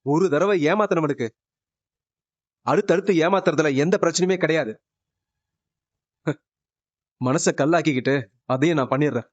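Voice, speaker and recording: An actor voicing an anguished young husband, pleading and close to tears, with a high voice. The sound is close and dry. It is dull and muffled, like audio taken from a TV serial. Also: male voice, dry recording, lightly acted. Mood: bitter. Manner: pleading, breaking into sobs. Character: grown son refusing his estranged wife, anguished. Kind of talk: Tamil serial drama.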